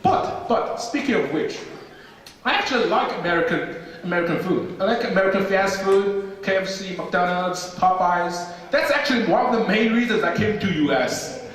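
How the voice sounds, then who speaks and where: His voice sits high and his pace is moderate as a young man from China delivers stand-up comedy in a Chinese accent. He tells stories with animation, acting out other people, and the distant mic captures the echo of the theater hall.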